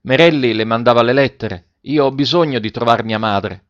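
A man's voice: medium pitch, normal speed, dry recording, muffled recording, natural voice. A man reading aloud and voicing an anxious young Genoese boy who pleads earnestly.

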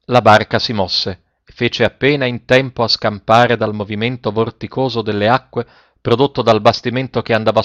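A man narrating a dramatic story aloud, raising his voice sharply for shouted lines and slowing down for solemn ones. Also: mid-range voice, no room sound. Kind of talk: dramatic audiobook reading. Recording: dull, dry, muffled recording.

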